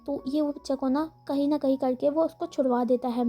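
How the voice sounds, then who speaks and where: High-voiced woman telling a fan story. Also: steady tone, brisk, warm tone. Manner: rambling, frequent fillers, mixes English words into her speech. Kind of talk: casual storytelling narration. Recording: faint music behind the voice.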